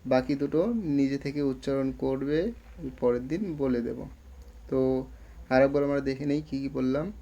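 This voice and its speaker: A man teaching Quran reading who spells out syllables slowly and then explains quickly, often asking whether his students understood. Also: mid-range voice, mellow. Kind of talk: spelling-drill lesson. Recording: dull lo-fi audio.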